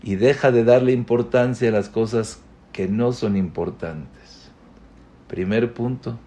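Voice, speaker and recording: Slow, deliberate man preaching. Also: mid-range voice, warm tone, a little hiss or hum. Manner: slow, deliberate, repeating phrases for emphasis. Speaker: religious speaker. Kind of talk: inspirational religious talk.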